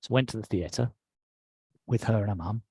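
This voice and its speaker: A man's voice: lowish voice, moderate pace, a little mellow, husky, no echo. A middle-aged man with an English accent, a guest telling his life story in a reflective way. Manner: reflective, recounts with quoted dialogue. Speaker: interview guest. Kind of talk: personal storytelling.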